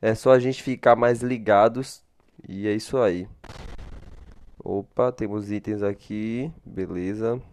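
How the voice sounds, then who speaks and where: Slow and steady, this man's voice sits on the low side and has a slightly mellow quality. He runs a gaming channel and chats through a relaxed gameplay video, posing questions and answering them himself while sending blessings to his viewers.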